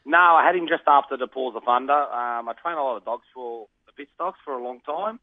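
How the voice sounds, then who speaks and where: Australian man, mid-pitched voice, laid-back tradie manner, colloquial interview talk, narrow phone sound, dry. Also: brisk, no room sound. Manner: laid-back Aussie tradesman way of talking, plain and colloquial. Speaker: greyhound trainer, interview guest.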